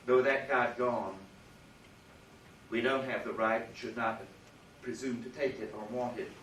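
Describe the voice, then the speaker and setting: A man delivers a university philosophy lecture, emphatically stressing key words, captured from across the room. His mid-range voice is fairly bright with fairly even intonation and a measured pace, and the far-off, roomy hall recording has faint ambience plus a little hiss or hum.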